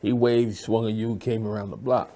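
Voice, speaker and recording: A man's voice: fairly low pitch, steady tone, normal speed, warm tone. A man telling a story in an interview, laid-back, acting out what people said. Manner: laid-back street storytelling, acts out dialogue.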